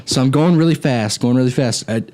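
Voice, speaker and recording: A man's voice: mid-range voice, fairly quick, darkish tone. A young man chatting casually on a gaming group's talk show, telling rambling stories and swearing freely. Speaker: show co-host. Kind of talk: casual chat.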